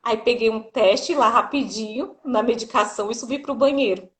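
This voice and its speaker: Lively São doula telling her story. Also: fairly high pitch, normal speed. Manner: lively narration that often acts out quoted dialogue, frequent "né". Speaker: doula, interview guest. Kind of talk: personal storytelling in a podcast interview.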